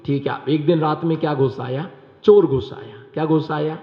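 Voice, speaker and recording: A monk preaching in a high voice and telling stories. He keeps throwing rhetorical questions at his listeners. The sound is dull and rings with a long hall echo. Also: steady tone, normal speed. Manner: rhetorical questions to the audience, repeats phrases. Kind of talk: sermon with storytelling.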